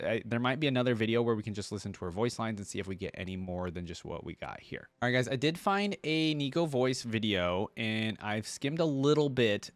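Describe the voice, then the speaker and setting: This casual reaction video is hosted by a man of medium pitch, recorded with no room sound. Full of enthusiasm, he echoes lines he hears and thinks out loud about them.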